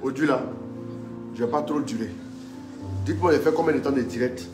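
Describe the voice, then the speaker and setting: A man's voice: medium pitch, fairly quick, reverberant, over music. A man preaching a live-streamed teaching sermon, emphatic and repetitive, urging listeners on and having scripture read aloud. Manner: emphatic, repeats phrases, urges listeners on.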